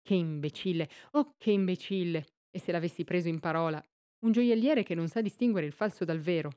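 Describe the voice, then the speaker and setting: A woman's voice: lowish voice, fairly quick, mellow, clean tone, no echo, studio quality, natural voice. A woman voicing a timid, bewildered widowed male clerk who stammers in a storybook reading. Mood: scornful. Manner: stammering, flustered.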